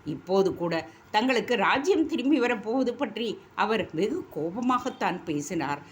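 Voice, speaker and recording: A woman's voice: fairly high pitch, animated, moderate pace, a little hiss or hum, pitched above the performer's own voice, close to an everyday voice. A woman reading the lines of a fearful, sorrowful young princess in a storybook.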